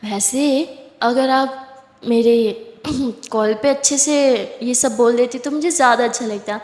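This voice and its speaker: Woman putting on a sulky young girlfriend, pouting, high voice, echoey room with long reverb. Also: natural voice. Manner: pouting, quick to take offence.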